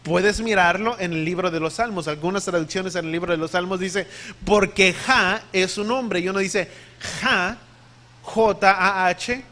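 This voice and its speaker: A male preacher delivers a sermon in a high, emphatic voice. He teaches, asks the congregation questions, and spells out words letter by letter. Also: measured pace, sharp tone.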